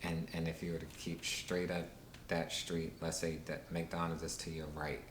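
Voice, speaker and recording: A man in his thirties with an extremely low, flat voice answers interview questions in an unhurried, halting way, full of ums and uhs. He is recorded in a roomy space with a steady low rumble behind him. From Washington, D.C. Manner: unhurried, halting, many fillers.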